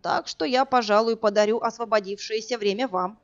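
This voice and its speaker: A woman's voice: fairly high pitch, fairly quick, muffled recording, lightly acted. A woman voicing a stern, sarcastic old male sorcerer who talks in a dry, curt, mocking way. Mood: gruff, sarcastic.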